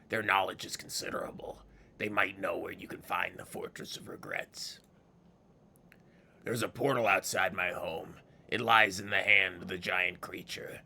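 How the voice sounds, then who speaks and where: In a dramatic video game read-aloud, an old exiled fiend from a fantasy world speaks in a low, gravelly voice with a sharp, forceful edge and an exaggerated sound. Grudging and irritated, he is scornful and scheming, theatrical like a ghoulish villain, savoring each word and spitting out his disgust. There is slight background noise.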